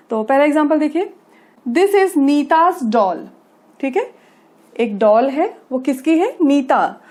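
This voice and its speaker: A woman's voice: sits high, darkish tone. A woman teaching English grammar, explaining patiently and checking understanding often. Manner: explains slowly, checking understanding with frequent tag phrases; reads English examples slowly and carefully. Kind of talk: classroom-style grammar lesson.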